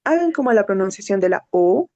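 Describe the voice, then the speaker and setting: A woman English teacher in an online class, modeling words slowly and explaining pronunciation. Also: medium pitch, big pitch swings, dark tone, lo-fi sound. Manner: slow, drawn-out model words, switching to quick explanations.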